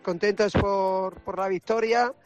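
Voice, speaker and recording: A woman basketball coach giving a measured, analytical post-game statement. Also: mid-range voice, steady tone, a little mellow, lo-fi sound, faint music behind.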